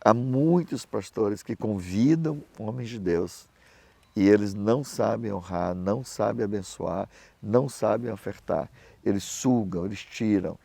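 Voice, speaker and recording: A middle-aged pastor and missionary with a low-ish, creaky voice preaches at a measured pace in a dry recording. He tells anecdotes with animated storytelling, acting out the voices of the people he quotes.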